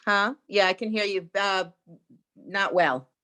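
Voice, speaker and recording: A woman's voice: medium pitch, unhurried, pushed and bright. A woman joining a meeting by video call, her voice coming through wobbly and warbling, chatting and checking whether the others can hear her. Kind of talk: casual meeting chat. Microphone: video call over the room speaker.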